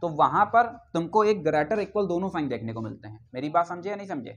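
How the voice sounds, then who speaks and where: A male maths teacher giving a classroom lecture, often asking if students follow and dictating definitions slowly. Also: fairly high pitch, lively intonation. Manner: keeps asking if students follow, repeats key terms. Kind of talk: classroom lecture on real analysis.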